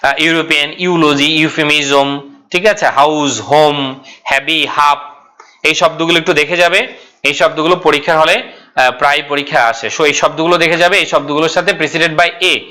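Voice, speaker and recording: A man leads an online grammar class. His voice sits a little high and sounds bright and forceful. He explains step by step, asks questions and answers them himself, and repeats key points. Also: fairly even intonation, normal speed. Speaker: English grammar teacher.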